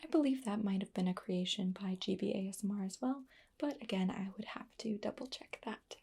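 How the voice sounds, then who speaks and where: A woman whispering softly through an ASMR roleplay, pausing often with fillers as she explains each trigger. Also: medium pitch, vocal fry, slightly rough. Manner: soft whispering with frequent fillers. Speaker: ASMR artist.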